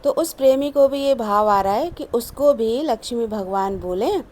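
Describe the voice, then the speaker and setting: High-voiced woman giving a devotional sermon. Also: animated, darkish tone. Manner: measured and repetitive, explaining stories slowly. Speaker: satsang speaker.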